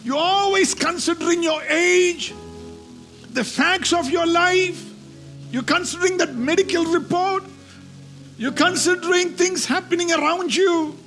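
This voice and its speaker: Unhurried yet pushed and bright, a very high male voice carries a sermon with faint music behind it. He teaches emphatically from scripture, repeating key phrases, reading passages aloud and leading call-and-response.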